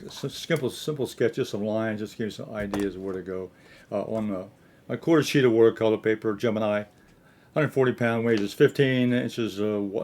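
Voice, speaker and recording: Male watercolor instructor, fairly low voice, casual studio tutorial, halting delivery with repeated phrases. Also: a little mellow. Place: painting studio.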